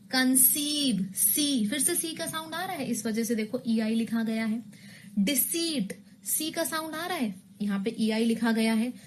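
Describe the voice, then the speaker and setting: A woman's voice: fairly high pitch, slight background noise. A woman teaching English in a recorded online exam-prep lesson. She explains rules with memory tricks and keeps asking her students questions.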